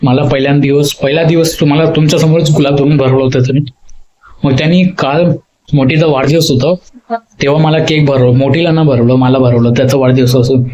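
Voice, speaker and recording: A man's voice: mid-range voice, steady tone, fast, mellow. A man talking in a casual vlog, rambling and emotional as he opens up about his feelings. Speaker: vlogger. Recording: slightly dull lo-fi audio.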